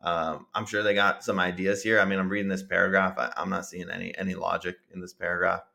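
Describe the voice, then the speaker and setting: A man co-hosting a podcast, working through card game rules out loud in casual chat with frequent restarts. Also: low-pitched, little pitch movement, quick pace, gravelly. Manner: rambling, thinks aloud with many restarts and fillers. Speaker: podcast co-host.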